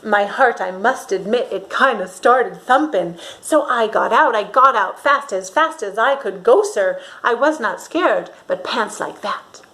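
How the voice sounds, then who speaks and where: A woman with a slightly high voice reads a storybook aloud to young children, dramatic and expressive, stopping now and then to ask them questions. The audio quality is poor.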